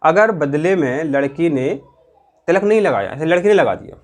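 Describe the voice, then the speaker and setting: A man's voice: a little high, lively intonation, normal speed. A man teaching an exam-prep lesson, asking questions aloud and repeating the answers in a colloquial way. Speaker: quiz teacher.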